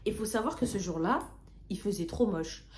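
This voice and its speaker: A young woman vlogger casually telling a story, slangy and lively, often repeating words. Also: medium pitch, normal speed. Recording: roomy echo.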